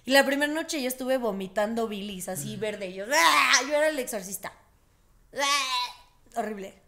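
A young woman with a Mexican accent talks in a high, bright register. She tells her stories with lots of laughter. She acts out the voices of the people she quotes. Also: fast talker. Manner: animated storyteller, laughs often, acts out quotes. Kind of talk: casual chat.

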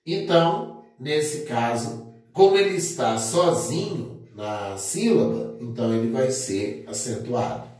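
A man teaching grammar, explaining step by step and repeating himself. He speaks slowly at a middling pitch. The sound is very echoey and picked up from some distance. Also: big pitch swings, darkish tone, faint music behind. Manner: methodical, repeats points, many fillers. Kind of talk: grammar lesson at a board. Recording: echoey room, distant mic.

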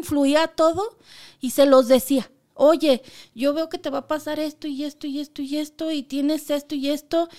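Woman, high voice, podcast guest, chatty storyteller who acts out every line of dialogue. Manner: animated, acts out quoted dialogue. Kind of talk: conversational storytelling.

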